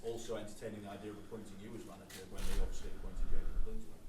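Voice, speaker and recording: A man's voice: low voice, flat delivery, very fast. A man, a reporter, asking a pressing question in a press room. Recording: roomy, distant and loud noise.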